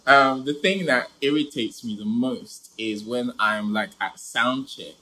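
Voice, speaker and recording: A man hosting a vocal reaction show as a vocal coach, animated and quick to laugh. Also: medium pitch, a little hiss or hum, rough recording. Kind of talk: casual reaction chat.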